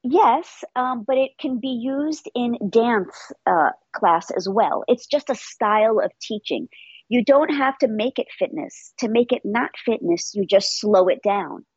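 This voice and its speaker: A woman with a husky, slightly breathy voice talks through her ideas on teaching in a relaxed interview. She circles back on her words and hedges with "I feel". The sound is dry and a little dull. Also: a little high, a little slow, no echo. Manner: thoughtful, repeats words, frequent "I feel" and "um". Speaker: dance instructor trainer, interview guest. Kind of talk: conversational interview answers.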